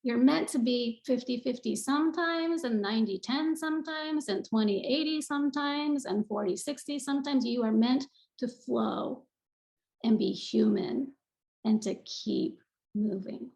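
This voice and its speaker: A woman's voice: on the high side, measured pace, vocal fry, a little mellow. Earnest woman teaching in an echoey room. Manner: earnest, teacherly, repeats phrases for emphasis. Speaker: yoga speaker. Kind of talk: online talk with screen share.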